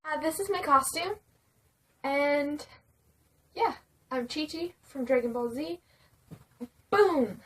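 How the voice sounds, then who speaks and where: Giggly, playful storyteller, woman, a bit high, slow reading with suspense hushes. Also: far from the mic, slight background noise. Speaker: vlogger reading a spooky story. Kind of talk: casual storytelling and vlog chat.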